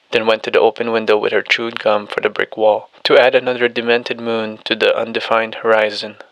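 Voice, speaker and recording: A man with a low, flat voice narrates an audiobook. He reads each character the same way, with hardly any rise or fall. The sound is close and dry. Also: no echo, rough recording. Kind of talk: scripted narration reading all characters.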